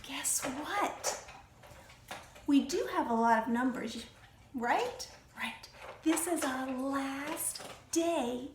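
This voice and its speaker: A woman teaching a remote class for young children at home, in a sing-song, encouraging teacher manner. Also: high voice. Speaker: preschool teacher. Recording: echoey room with faint noise.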